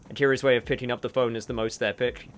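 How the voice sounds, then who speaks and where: Over soft background music, a man talks fast in a clear, resonant, medium-pitched voice with little pitch movement. He's a gaming streamer, not a native Japanese speaker, casually narrating his moves under his breath, occasionally swearing, and talking with viewers.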